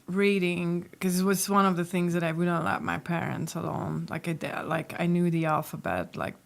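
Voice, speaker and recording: A woman's voice: on the low side, fairly even intonation, normal speed, vocal fry. A middle-aged woman from Hungary, speaking English as a second language, telling her life story in a casual interview and laughing often. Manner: chatty, laughs often, acts out quoted lines.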